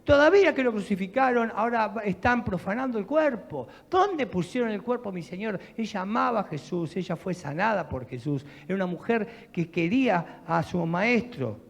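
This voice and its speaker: A man's voice: sits high, animated, normal speed, gravelly, few pauses, big-room sound. A male pastor with a Rioplatense Spanish accent, preaching a sermon and retelling a story with jokes and asides to the congregation.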